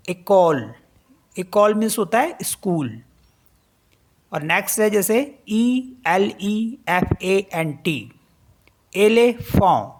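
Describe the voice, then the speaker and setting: A woman teaching a French pronunciation lesson in Hindi mixed with English, spelling each word letter by letter and repeating it slowly. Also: medium pitch. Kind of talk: spoken language lesson.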